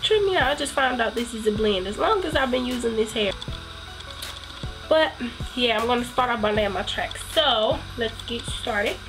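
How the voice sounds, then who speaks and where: A woman's voice: a little high, normal speed, music in the background, poor audio. A woman with a cold and a stuffy nose, chatting casually through a hair tutorial and rambling with plenty of ums. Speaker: hair vlogger.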